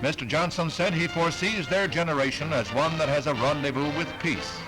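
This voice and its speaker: Old newsreel narrator, man, brisk and formal. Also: fairly high pitch, low-quality recording. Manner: brisk formal announcer delivery. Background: music under the narration.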